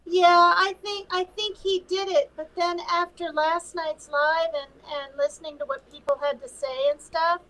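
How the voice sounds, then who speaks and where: A woman's voice: very high voice, steady tone, normal speed, hardly any pauses, bright, forceful tone, rough recording. A woman chatting casually as a panel guest, tentative and hesitant in how she talks. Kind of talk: casual chat.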